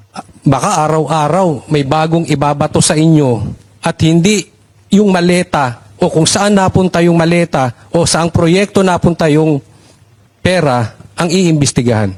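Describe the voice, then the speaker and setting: A man's voice: fairly high pitch, a little slow, a little mellow. A man who is a vlogger speaks as a commentator on a panel and presses the guests with direct questions.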